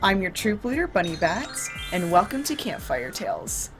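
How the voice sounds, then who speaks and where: A woman with a low voice narrating a horror story as host, in a theatrical, deliberate storytelling manner over music. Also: very animated.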